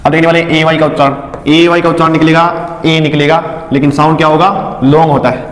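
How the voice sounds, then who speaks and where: A man teaching English vowel sounds in a phonics lesson, asking questions and answering them himself, spelling words out slowly letter by letter. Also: on the high side, level tone. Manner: asks and answers his own questions. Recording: echoey room with long reverb.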